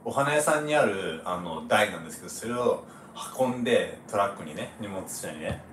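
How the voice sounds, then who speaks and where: A man who is a former baseball pitcher hosts a relaxed livestream, chatting casually, reading viewer comments and laughing often. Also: moderate pace, echoey room, a little hiss or hum.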